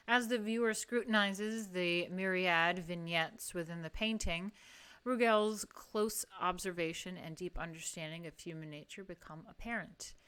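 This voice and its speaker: Her voice is fairly low, smooth and a bit bright, carrying a New York accent. She's hosting a casual livestream, reading an art history book aloud to viewers and interrupting herself with wry personal asides.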